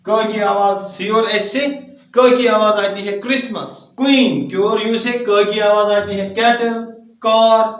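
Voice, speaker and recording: A man teaching English phonetics, spelling letters aloud and slowly repeating example words. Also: high voice, steady tone, a bit bright. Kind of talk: phonetics lesson. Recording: very echoey room.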